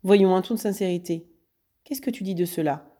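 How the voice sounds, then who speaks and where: A woman voicing a sly, taunting gentleman thief, a grown man who mocks his rival while she reads a storybook aloud. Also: on the low side, moderate pace, lightly acted. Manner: taunting, teasing, condescending.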